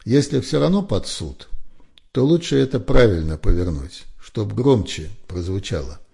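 A calm young soldier weighs his words slowly and thoughtfully, as a male narrator puts him on. The voice is low, dark and slightly husky. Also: heavily acted. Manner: slow, thoughtful.

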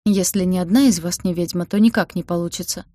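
A woman's voice: lowish voice, fairly even intonation, fast talker, dark tone, dry recording, close to an everyday voice. A woman voicing a sick young man who talks weakly, with sneering, hissing mockery. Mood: mocking.

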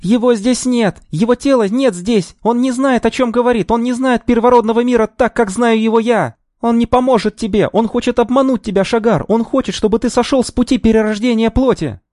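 A male narrator voicing a frenzied young maiden who shouts in a shrill, rasping screech that breaks into squeals. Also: a little fast, few pauses, no room sound, studio quality. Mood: frantic. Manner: hysterical shouting. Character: shrieking frenzied maiden in darkness, young woman. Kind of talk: audiobook character voice.

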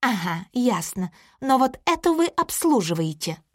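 A woman reading the part of a furious, foul-mouthed woman who shouts insults. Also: a little high, big pitch swings, unhurried, no room sound, clean studio sound, voice pushed up. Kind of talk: audiobook character reading.

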